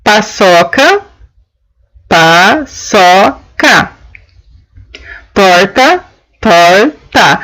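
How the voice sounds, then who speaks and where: A woman gives a lesson to her audience. Her pitch sits in an ordinary middle range. She explains things patiently, one step at a time, and often checks that her listeners are following. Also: rough recording. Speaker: teacher. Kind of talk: explanatory lesson on children's writing.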